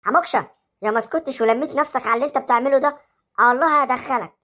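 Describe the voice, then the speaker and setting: A woman voicing a stern female schoolteacher who scolds a pupil and repeats her warnings in a gruff voice. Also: sits high, rapid-fire, fairly bright tone, pitched below the performer's own voice. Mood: scolding. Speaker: teacher.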